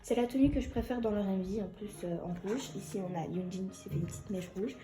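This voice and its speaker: A young woman chatting excitedly and giggling as she unboxes an album for her vlog. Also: mid-range voice, quick pace, reverberant, faint music behind.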